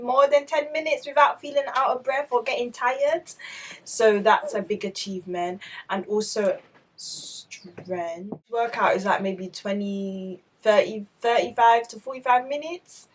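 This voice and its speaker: A woman's voice: medium pitch, rough recording. A twenty-five-year-old woman, chatting candidly to camera in a casual vlog, full of "like" and "obviously". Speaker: vlogger.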